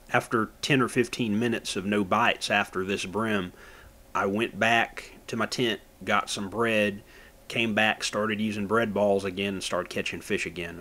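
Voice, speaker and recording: Male outdoor host, slightly low voice, casual folksy how-to voice-over. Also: steady tone, normal speed, pushed and bright. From Florida, USA. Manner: plain, folksy how-to explaining with fillers. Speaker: fishing channel host. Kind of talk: voice-over narration of outdoor fishing footage.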